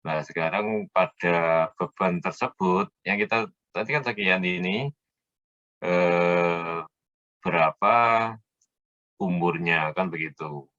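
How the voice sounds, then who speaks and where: A man lecturing on a technical subject, explaining step by step, often checking that students follow and pausing on filler sounds as he thinks. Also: low voice, steady tone, a bit bright, highs cut off. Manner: hesitant fillers while thinking aloud. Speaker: university lecturer.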